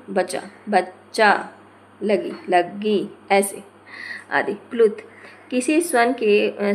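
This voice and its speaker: A woman teaching a lesson, reading from notes, slowing to spell out example words and correcting herself as she goes. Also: medium pitch. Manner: corrects herself mid-phrase.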